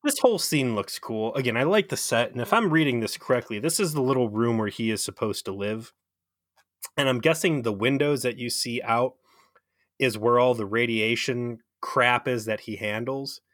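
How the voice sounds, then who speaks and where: A man's voice: medium pitch, moderate pace, a bit bright, dry recording, clean studio sound. A man co-hosting a podcast, chatting casually about a TV episode, swearing and laughing as he acts out lines. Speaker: podcast co-host. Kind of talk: casual chat recapping a TV episode.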